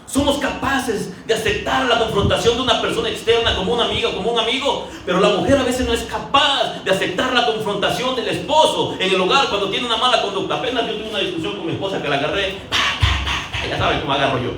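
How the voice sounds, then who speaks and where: High-voiced preacher in an echoey hall. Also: male voice, fast, hardly any pauses, pushed and bright. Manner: conversational, acts out quotes in a storytelling way. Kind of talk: sermon. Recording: echoey hall from far off, faint ambient noise.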